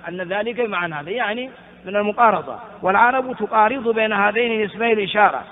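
A man teaching a lesson on Quran exegesis, explaining at length with rhetorical questions and chanting verses slowly between explanations. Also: sits high. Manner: frequent restarts and rhetorical questions. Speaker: Islamic scholar teaching tafsir. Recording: tinny phone-like recording with long reverb.

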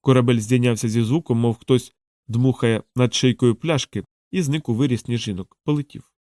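Calm man reading a novel, dry sound. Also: medium pitch, normal speed, dry recording. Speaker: audiobook narrator. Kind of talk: scripted novel narration.

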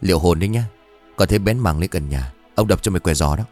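A man playing a rough, hot-tempered drunk village man, gruff and threatening. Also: low voice, fast talker, a little mellow, soft background music.

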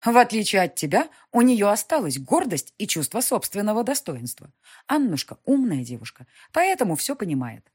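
Lady playing a bossy old-world countess mom, husky, pitched up, all over the place, audiobook. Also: very animated, moderate pace, a little mellow. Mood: indignant. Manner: scolding, shrill and overbearing. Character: imperious aristocratic middle-aged countess mother.

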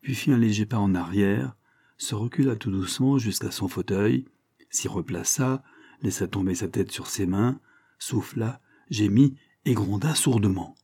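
A man narrates a classic story in a steady, measured reading voice. His voice sits low and sounds mellow. The recording is close and dry. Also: husky, no echo. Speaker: audiobook narrator. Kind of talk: scripted narration.

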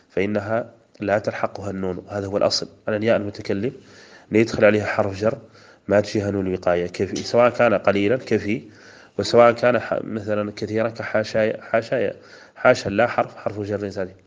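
Man, Mauritanian Arabic accent, grammar lesson, deep voice, muffled lo-fi sound. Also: steady tone. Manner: measured, recites verses slowly then explains with fillers. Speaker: sheikh teaching grammar. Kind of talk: classical grammar lesson explaining verses. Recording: dull lo-fi recording.

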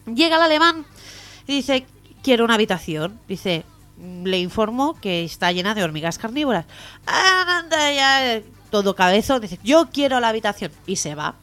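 A woman co-hosting a radio comedy show, telling jokes in a lively, playful way. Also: medium pitch, moderate pace, soft background music.

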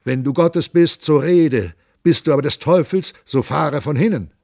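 Man doing a terrified captain, shouting, high, husky. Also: moderate pace, no echo, studio quality. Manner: frightened, shouting. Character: terrified male captain shouting against a devil.

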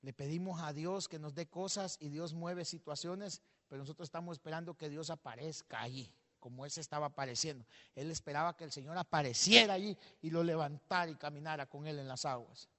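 A male pastor telling a parable in a sermon, rising to a shout and having the congregation repeat after him. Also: fairly high pitch, a little fast, hardly any pauses, in a large hall. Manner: storytelling, shouting when stirred, calls on the congregation to repeat.

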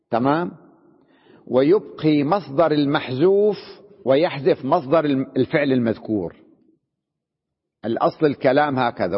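Husky-voiced sheikh teaching grammar. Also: male voice, a little high. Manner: reads a text aloud, then explains it, checking understanding with quick questions. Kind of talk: classroom grammar lesson. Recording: dull lo-fi recording in a reverberant hall.

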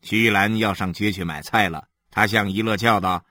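A man narrating a novel aloud in an animated storytelling manner. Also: on the low side, moderate pace, dry recording, clean studio sound. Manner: animated storytelling, many voices. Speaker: audiobook narrator. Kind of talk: expressive literary narration.

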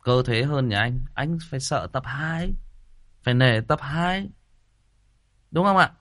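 A man's voice: mid-range voice, measured pace, a bit bright, no echo. A man telling a first-person story in a chatty, repetitive way, speaking straight to his listeners.

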